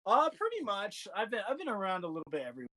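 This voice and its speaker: A man's voice: sits high, huge pitch swings, very fast, sharp tone. Laid-back laughing young man. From California. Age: 20s. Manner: laid-back, laughing often, lots of fillers. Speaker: guest. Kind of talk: casual chat.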